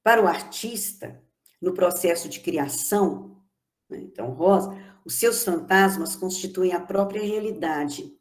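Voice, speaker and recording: A woman with a Brazilian Portuguese accent giving an academic lecture as a lecturer, speaking in a measured, explanatory way and often adding short tag questions. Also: fairly low pitch. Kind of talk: academic lecture reading from notes. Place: online meeting recording.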